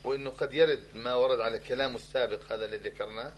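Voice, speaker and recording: A man's voice: medium pitch, steady tone, rapid-fire, slight background noise, poor audio. A man pressing questions in a heated religious discussion, insistent and argumentative, repeating himself to drive his point home.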